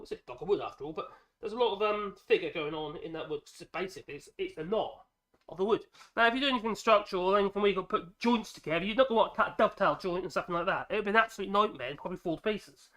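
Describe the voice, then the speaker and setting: A woodworking vlogger, middle-aged and stuffed up with a cold, races through casual workshop chatter in an animated, slightly bright voice that sits high. He rambles and jokes at his own expense, recorded at home on a microphone suspended from a ceiling clamp.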